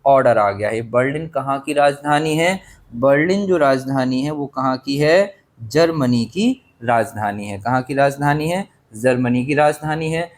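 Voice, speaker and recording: A male teacher explaining an English chapter in a lesson, pausing to ask his class rhetorical questions and coughing now and then. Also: mid-range voice, lively intonation. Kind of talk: Hindi-medium English literature lesson.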